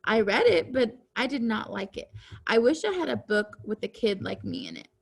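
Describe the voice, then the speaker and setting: A woman reading aloud the lines of a disappointed young boy in a storybook, quietly and softly. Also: a little high, sing-song, normal speed, creaky, slightly rough, exaggerated voice.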